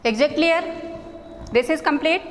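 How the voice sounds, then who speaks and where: A high-voiced woman teacher with an Indian accent, walking a class through letters at an unhurried pace. She repeats key points and checks in with her listeners. The recording has an echoey room with a faint hum behind her. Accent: Indian English. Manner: slow, repetitive explaining, mixing Hindi and English, checks understanding. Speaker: English teacher. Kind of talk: classroom lesson explaining spelling.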